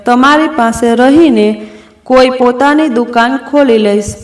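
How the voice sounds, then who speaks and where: A woman's voice: on the high side, a little slow, echoey room, close to an everyday voice. A woman voicing a worried young man searching for his missing parents, speaking in an anxious, pleading way. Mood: earnest.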